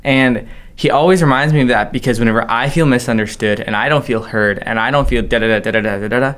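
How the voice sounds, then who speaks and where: A young man co-hosting a casual faith discussion, talking earnestly and slowing down to stress key phrases. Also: medium pitch, fairly bright tone. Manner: earnest, builds emphasis with slow stressed phrases. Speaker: podcast co-host.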